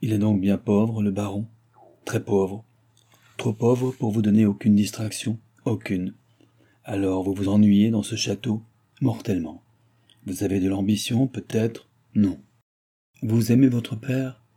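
A commanding mesmerist presses his questions with curt, insistent authority, read by a man. His voice sits low and dark, with a husky edge. He gives orders as though he expects nothing but obedience. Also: steady tone, a little slow. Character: commanding male mesmerist, smooth and probing.

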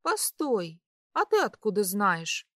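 A woman voicing an excitable, tipsy young woman who goes high and loud when upset. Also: takes it slowly, no echo, studio quality. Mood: curious.

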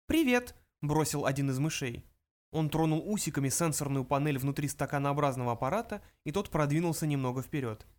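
A man narrating a story aloud, with an even, steady delivery and a voice sitting a little higher than most men's. Scripted audiobook reading. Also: a little fast. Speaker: audiobook reader.

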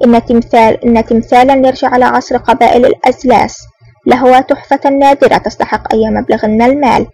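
A woman's voice: on the high side, level tone, quick pace, mellow, husky, no room sound. A woman reading a scheming male secret agent who feigns anger in an audiobook. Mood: hushed. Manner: curt, mock-angry. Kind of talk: audiobook narration.

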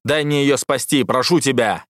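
A man reading an audiobook voices a young male sorcerer who shouts and pleads in desperation. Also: medium pitch, normal speed, dry recording, studio quality, voice pushed up, close to an everyday voice. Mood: desperate. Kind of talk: audiobook character voice.

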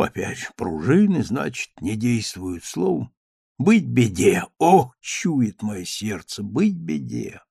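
Delirious old lighthouse keeper, raving and gravelly, as a male narrator puts him on. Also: medium pitch, no echo, studio quality, heavily acted. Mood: muttering. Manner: mutters, then shouts frantic sea commands.

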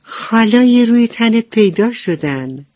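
A woman's voice: medium pitch, sing-song, pitched above the performer's own voice. An eager, chirpy little cricket, as a woman puts it on. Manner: bright, eager reassuring voice. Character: cheerful helpful little cricket, eager and kind. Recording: dull radio broadcast with soft music.

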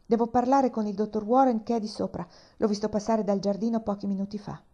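A woman's voice: mid-range voice, steady tone, fast, mellow, close to an everyday voice. A woman voicing a proud older aunt who speaks anxiously and then tenderly. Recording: dull lo-fi recording.

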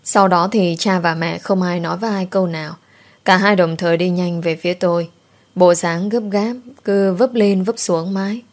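A woman reading a first-person story aloud in a steady, emotive storytelling manner. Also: fairly low pitch, normal speed. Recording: faint background music.

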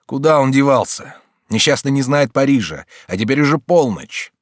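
A man voicing a calm but firm male doctor who questions a patient steadily and insistently in an audiobook. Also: mid-range voice, moderate pace, no echo, studio quality, voice pushed up, natural voice. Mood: urgent. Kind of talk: audiobook character reading.

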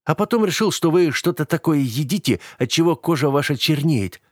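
A man's voice: fairly high pitch, expressive, fairly quick, darkish tone, no room sound, studio quality, voice pushed up. A man voicing a naive young fighter in an audiobook, earnest and a little hesitant. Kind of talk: audiobook character voice.

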